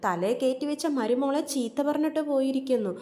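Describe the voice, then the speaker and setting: A woman's voice: sits high, fairly quick, warm tone, pitched above the performer's own voice, lightly acted. A woman voicing a spiteful mother-in-law who taunts her daughter-in-law. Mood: scornful. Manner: mocking, scornful.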